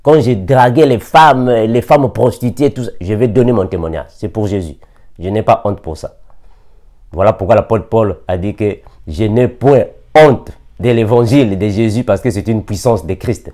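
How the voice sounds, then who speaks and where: A man's voice: fairly low pitch, moderate pace, dark tone. A man from Africa preaching a sermon, repeating scripture references and reading verses with emphasis.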